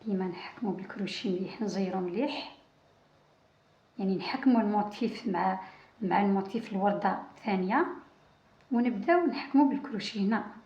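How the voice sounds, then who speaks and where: A woman with an Algerian Arabic accent explains crochet steps as she works, often restarting a phrase or counting aloud. She talks quickly and casually. The recording sounds roomy and a little dull. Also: mid-range voice, a little mellow. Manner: talks while working, many restarts and counting. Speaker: crochet channel host.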